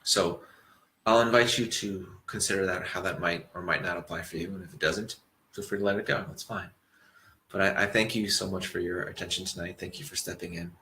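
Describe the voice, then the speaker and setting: An acupuncturist gives a reflective talk to an audience about mindfulness, relaxed and rambling, often circling back and restarting sentences. His low voice has a bright, forceful edge, comes a little fast, and rings in an echoey room with a little hiss or hum.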